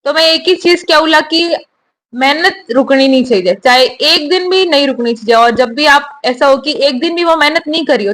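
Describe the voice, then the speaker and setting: A young woman, a new army officer, giving steady, earnest answers in an interview. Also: sits high. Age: young adult.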